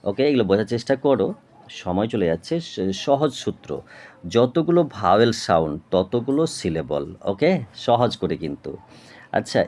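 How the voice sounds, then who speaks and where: A man teaching a lesson at a board, explaining slowly and patiently, spelling out words and often checking with "okay?". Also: mid-range voice, darkish tone. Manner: slow, patient, repeats "okay?" to check understanding; spells words out and breaks them into parts. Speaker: tutor.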